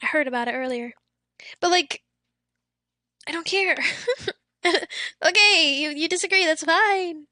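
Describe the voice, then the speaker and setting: In casual talk with her live stream audience, a young woman reads out chat at a measured pace, leaving long pauses and sometimes trailing off into soft, whispery asides. Her high, bright voice is a bit worn from days of losing it. The sound sits close and dry, with no echo at all.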